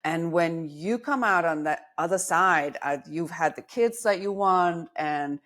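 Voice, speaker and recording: Her lowish voice has a fairly bright tone and a measured pace. In this podcast interview, the Danish woman in her forties, a dating coach, speaks reflectively and teases herself now and then.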